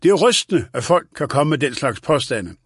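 Guy doing a cranky forgetful old lawyer, high fussy voice, dry close sound. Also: sing-song, slightly rough, no room sound. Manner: querulous, scolding, raised voice. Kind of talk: audiobook character voice.

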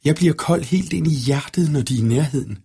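A man's voice: on the high side, creaky, warm tone, breathy edge, voice pushed up, full character voice. A man voicing a determined, worried young princess in a storybook reading, speaking earnestly.

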